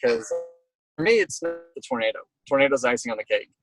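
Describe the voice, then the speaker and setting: A man's voice: medium pitch, fast talker, poor audio. A middle-aged man speaking as an interviewed storm chaser, casual and reflective, talking in rambling stop-start phrases.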